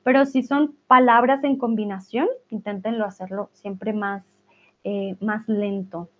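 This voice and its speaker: A woman's voice: mid-range voice, fairly even intonation. A woman teaching Spanish in a live class, answering viewer chat and laughing often. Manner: laughs often, speaks slowly and clearly. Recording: tinny phone-like sound.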